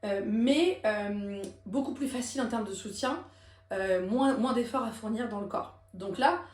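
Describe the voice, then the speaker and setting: A woman teaching a singing lesson, explaining technique and demonstrating high belted lines. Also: measured pace, a little mellow, echoey room. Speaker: vocal coach.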